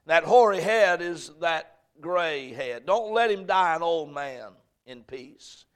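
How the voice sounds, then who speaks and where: A man's voice: a little high, lively intonation, slow pace. A male pastor preaching and reading scripture to a congregation, in an echoey church hall. He talks in a folksy way and repeats phrases, then swells when he reads verses aloud. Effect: echoey church hall sound.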